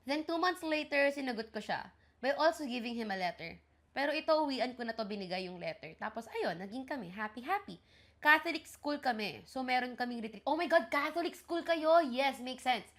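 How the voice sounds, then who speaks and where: A young woman in her twenties from the Philippines hosting a podcast, reading listener love letters aloud and reacting in an animated, gushing way. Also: high voice. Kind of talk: casual chat.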